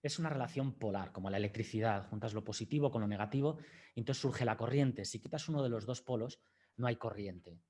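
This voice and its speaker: A man's voice: medium pitch, a little fast, a little mellow. A man giving a university lecture, reflective and acting out his talks with a student as he tells the story. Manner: reflective, acts out dialogue with a student.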